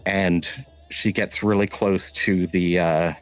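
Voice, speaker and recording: A man narrating a tabletop game as game master, halting and restarting as he describes scenes. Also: sits low, fairly even intonation, clean tone, soft background music.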